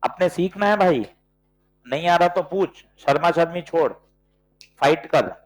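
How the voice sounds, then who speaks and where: Man, physics teacher, classroom lecture, brisk, coaxing, quizzing students, fairly high voice. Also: animated, low-quality recording. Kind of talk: classroom lecture with problem solving.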